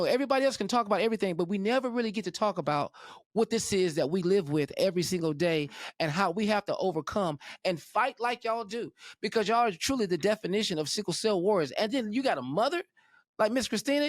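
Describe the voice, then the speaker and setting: A male talk show host with a lively, swinging voice, speaking casually and often stumbling and restarting mid-sentence. The sound is dry and close, with no room around it. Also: sits high, fast talker, dry recording. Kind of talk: casual interview chat.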